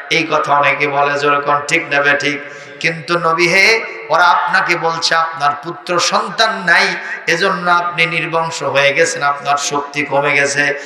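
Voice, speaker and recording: A man with a Bogra accent delivers an Islamic sermon in a high, very bright voice, rising into chanted shouts and then dropping low again. He keeps calling on the crowd to answer him. The sound rings through a long, echoing reverb from the loudspeakers. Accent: Bogra Bengali. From Bangladesh. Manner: calls out to the crowd for responses; swings between soft talk and loud chant-like shouting. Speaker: preacher.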